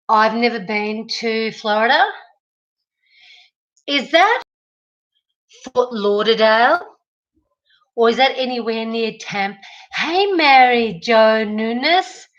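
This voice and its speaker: A woman's voice: a little high, fairly bright tone, muffled recording. A middle-aged Australian woman chatting casually with viewers on a live stream, greeting them by name.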